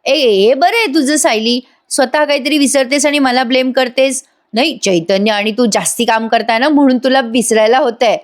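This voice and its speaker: A woman's voice: high-pitched, moderate pace, voice pushed up, natural voice. A woman reading the lines of a protective young husband, firm and fussing.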